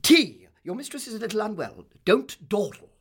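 A man's voice: a little high, very animated, a little slow, husky, pitched above the performer's own voice, heavily acted. A man voicing an imperious, brusque older woman, a commanding storybook aunt who speaks abruptly and emphatically. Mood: sharp, ordering.

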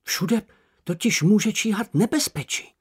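A man voicing a small, timid, boastful male creature in an audiobook, with a squeaky, anxious, whiny manner. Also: expressive, husky, full character voice. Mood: fearful. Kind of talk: audiobook character voice.

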